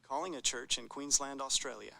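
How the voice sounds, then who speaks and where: A man's voice: mid-range voice, brisk, gravelly, crowd noise. A male synthetic voice acting as an AI assistant co-host, polite and matter-of-fact.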